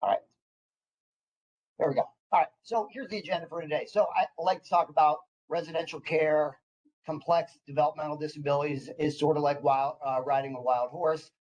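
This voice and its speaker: A man's voice: on the high side, steady tone, moderate pace, darkish tone, lo-fi sound. Enthusiastic, caffeinated man presenting. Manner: enthusiastic, psyched; caffeinated, eager talker who hesitates and restarts mid-phrase. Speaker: clinical department director presenting. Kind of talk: informal professional presentation.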